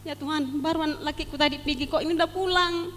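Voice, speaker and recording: A woman's voice: sits high, steady tone, fast, a bit bright, in a large hall, a little hiss or hum. A woman giving a fervent, pleading church testimony, sometimes near tears. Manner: fervent, pleading, at times tearful.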